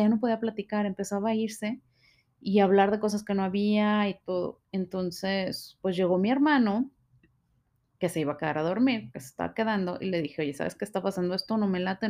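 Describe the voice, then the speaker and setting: A woman's voice: mid-range voice, warm tone. A woman with a Mexican Spanish accent tells a personal story with emotion, full of fillers and tag questions.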